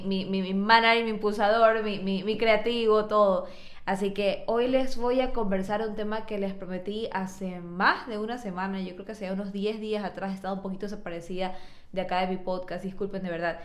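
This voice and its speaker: A woman's voice: medium pitch, roomy sound. A young adult woman hosting a nutrition podcast, talking in an upbeat, chatty and affectionate way. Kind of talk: casual podcast talk.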